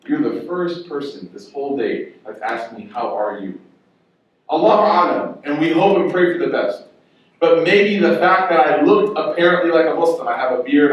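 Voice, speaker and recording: A young man, an imam, giving a Friday sermon in a mosque, telling stories and often asking "right?" to the listeners. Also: on the high side. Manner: storytelling, acts out quoted voices, asks rhetorical "right?". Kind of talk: sermon with storytelling. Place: mosque prayer hall. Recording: very echoey hall, mic at a distance.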